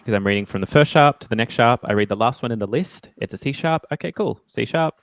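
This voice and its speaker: Gravelly, playful male music teacher. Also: mid-range voice, animated, fast talker, a bit bright, dry recording. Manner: playful, jokey asides and self-teasing; chatty explaining with many ums and okays. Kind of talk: casual one-on-one lesson.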